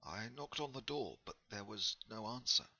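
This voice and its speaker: A man voicing a polite young woman botanist on her travels, speaking gently and courteously. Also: fairly low pitch, moderate pace, lo-fi sound, pitched above the performer's own voice. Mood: polite, gentle.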